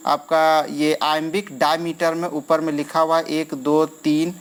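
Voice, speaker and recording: A man's voice: on the high side, level tone. Man teaching, counting syllables aloud. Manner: counts syllables aloud, drawn-out stressed words, frequent "okay" fillers. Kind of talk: exam-prep poetry lesson.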